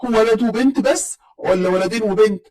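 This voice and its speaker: A woman voicing a bold, proud young woman from Upper Egypt who speaks with sharp, defiant retorts, in an Upper Egyptian accent. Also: fairly high pitch, brisk, close to an everyday voice, poor audio.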